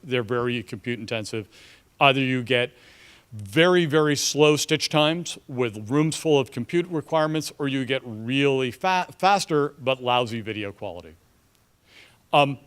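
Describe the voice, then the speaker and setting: A man presenting a startup pitch to an audience as a company chief, speaking confidently and emphatically.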